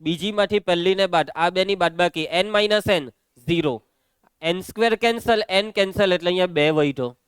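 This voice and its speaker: A man teaching a maths lesson, walking students briskly through each step. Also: high voice, clear, resonant tone, no room sound.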